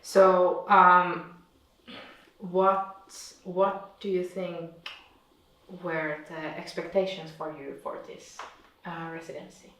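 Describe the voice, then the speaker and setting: A woman reflects on her work, her voice low and her pace unhurried. She stops often to find her words. The mic sits far off in a room that rings with echo. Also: little pitch movement, a bit bright. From Finland. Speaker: visiting artist. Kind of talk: reflective conversation. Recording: echoey room, distant mic.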